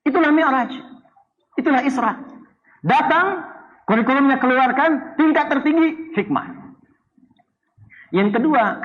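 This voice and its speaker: A man from Indonesia preaching a sermon, animated and playful, swinging between loud and soft. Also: high-pitched. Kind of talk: Islamic sermon. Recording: dull lo-fi sound.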